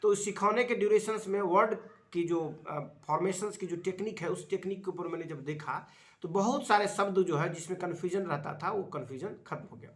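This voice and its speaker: A high-pitched man gives a child a spelling lesson at home, coaxing patiently and repeating prompts. When he explains, he hesitates and uses a lot of filler sounds.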